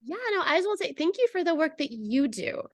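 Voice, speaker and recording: A woman's voice: sits high, big pitch swings, fast. A woman chatting casually as an interview guest, explaining things conversationally and often checking in with the listener. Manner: chatty, explanatory, peppers talk with "you know" and "right?". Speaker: podcast guest, language educator.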